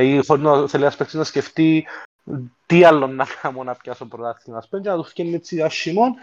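A man's voice: fairly high pitch, a little mellow. A man with a Cypriot Greek accent in a casual football discussion, explaining his points and feeling for his words. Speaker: football podcast panellist. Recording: dull lo-fi audio.

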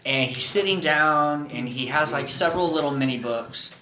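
A young woman with a low voice tells a story on a podcast. She rambles, swears often and gets animated. The room is echoey and a little noisy. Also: moderate pace. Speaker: podcast co-host. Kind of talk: casual storytelling chat. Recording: echoey room, faint background noise.

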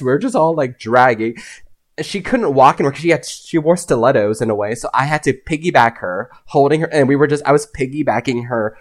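A young man, a podcast guest, telling a long story in a loose, rambling way full of "like"s. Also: on the high side. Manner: rambling, lots of "like"s. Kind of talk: casual storytelling.

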